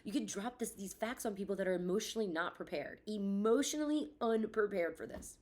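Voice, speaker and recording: A woman's voice: medium pitch, lively intonation, a little fast, a little mellow. A woman in her thirties hosting a podcast, telling personal stories in a frank, blunt way with casual swearing. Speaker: podcast host. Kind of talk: candid personal storytelling.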